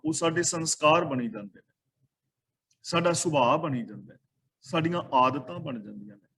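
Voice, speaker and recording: A man preaches a sermon on scripture, his voice husky and sitting a little high. He chants each verse slowly, then explains it in plain everyday talk. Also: poor audio. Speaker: Sikh scripture teacher.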